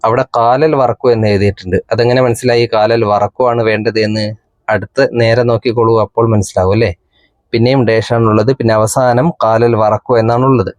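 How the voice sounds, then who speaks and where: A man teaching an Arabic exam paper, reading each line slowly and then translating it for young pupils. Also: fairly low pitch, flat delivery, no echo. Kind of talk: exam paper walkthrough lesson.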